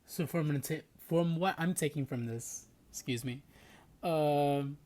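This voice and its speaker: A man's voice: fairly high pitch, unhurried, darkish tone, slight background noise. A man reviewing an album in a casual reaction video, chatty and enthusiastic, with lots of "like" fillers.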